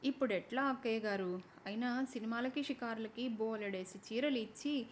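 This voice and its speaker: A woman's voice: fairly high pitch, moderate pace, a little hiss or hum, close to an everyday voice. A woman voicing a naive, timid young newlywed who speaks in a pleading way, in a storybook reading. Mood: plaintive.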